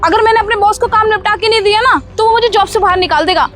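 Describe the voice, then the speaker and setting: A sharp-tongued young wife in a cartoon story, voiced by a woman, scolding and brushing off every request. Her voice sits very high, and soft music hums in the background. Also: fast talker. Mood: irritated. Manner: scolding, dismissive, full of excuses. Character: scheming young wife, bossy and evasive. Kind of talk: Hindi cartoon story dubbing.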